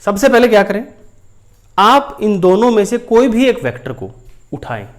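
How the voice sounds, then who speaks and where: A man's voice: high-pitched, sing-song, normal speed. A man teaching a physics lesson, explaining step by step while drawing and calling his students dear children. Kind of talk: whiteboard lesson.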